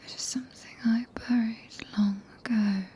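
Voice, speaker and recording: A British woman voicing a tender, possessive, regal witch in a breathy, intimate whisper for an ASMR roleplay, speaking archaic English close to the microphone. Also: a little high, fairly even intonation, slight background noise, natural voice. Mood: wistful, longing. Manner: slow, hushed, intimate, solemn. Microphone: close binaural microphone.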